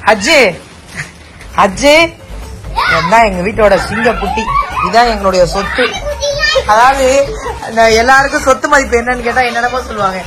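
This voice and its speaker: A woman's voice: a little high, normal speed, pauses often, background noise. A woman vlogger chatting casually with her family, teasing them playfully and laughing often. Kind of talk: casual family vlog chat.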